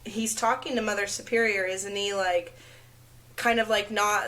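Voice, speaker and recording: A woman co-hosting a podcast, recapping a film in an unhurried casual chat with many fillers. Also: mid-range voice, fairly even intonation, a bit bright. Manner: slow and unhurried, with filler words. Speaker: podcast co-host.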